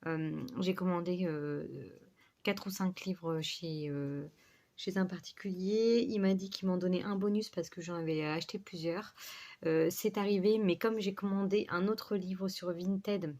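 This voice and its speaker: A woman's voice: fairly low pitch, steady tone, measured pace, darkish tone. A woman chatting casually to her book vlog in a rambling, scatterbrained way, with a slight lisp on her words. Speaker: book vlogger.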